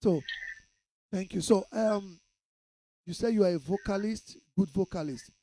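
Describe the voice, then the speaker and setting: A Nigerian-accented man hosting a radio interview, with a somewhat high but mellow, warm voice. He asks questions in a playful, probing way and slips into pidgin now and then. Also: measured pace, dry recording, poor audio. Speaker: radio host.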